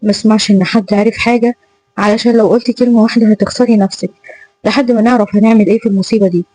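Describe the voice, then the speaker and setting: A woman with an Egyptian accent voicing a cold, threatening young male teacher who speaks harshly and with contempt, at a quick pace. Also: mid-range voice, fairly even intonation, mellow, slight background noise, close to an everyday voice, rough recording. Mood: contemptuous. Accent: Egyptian Arabic.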